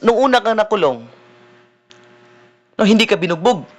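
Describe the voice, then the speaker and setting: A man, a deliverance minister preaching a sermon in a conversational way, often checking in with the listeners with a quick "no?". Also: high-pitched, expressive, slight background noise. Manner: conversational preaching, mixing in English phrases, frequent "no?" tag questions.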